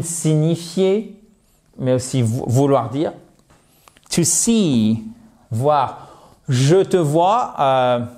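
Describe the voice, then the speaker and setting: A man teaching a language lesson online, talking straight to his viewers in a lively, emphatic way. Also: fairly high pitch. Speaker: English teacher.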